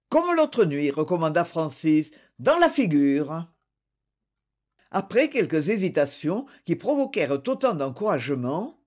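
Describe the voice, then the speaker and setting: Lively, high-pitched male narrator. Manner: lively, animated reading with voiced dialogue. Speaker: audiobook reader. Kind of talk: scripted narration of a detective novel.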